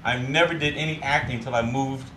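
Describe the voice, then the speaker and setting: Man, community stage actor, hesitant, mid-pitched, faint background noise. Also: fairly even intonation, brisk, bright, forceful tone, reverberant. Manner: hesitant, with restarts. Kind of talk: talk show interview.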